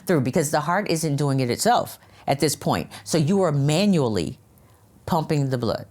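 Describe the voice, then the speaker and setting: An American woman with a slightly low voice explains CPR step by step. She speaks emphatically and repeats her key phrases to drive them home. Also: animated, moderate pace, a little mellow. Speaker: CPR instructor. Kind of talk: casual instructional chat.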